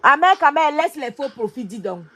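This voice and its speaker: A woman's voice: high-pitched, sing-song, a little fast, crowd noise. A woman co-hosting a live stream, chatty and teasing, gossiping and repeating her phrases. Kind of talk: heated casual live stream chat.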